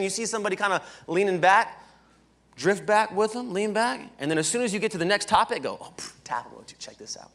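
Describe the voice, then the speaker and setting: A man giving a live motivational training talk at a conference, energetic, often asking "right?" and throwing questions to the audience. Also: high-pitched. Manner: energetic, keeps checking in with "right?". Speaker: sales leadership trainer. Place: conference hall, indoors.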